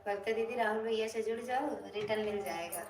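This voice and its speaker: A woman's voice: a little high, a little fast. A woman from Uttar Pradesh with an Awadhi accent, hosting a casual live stream and teasing viewers she greets by name. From Uttar Pradesh, India. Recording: roomy, far from the mic, crowd noise.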